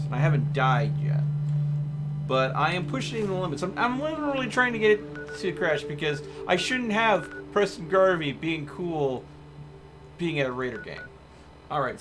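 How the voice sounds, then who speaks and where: A man with a fairly high voice streams a video game, offering casual live commentary and rambling as he thinks out loud. Game music plays, and the background is noisy.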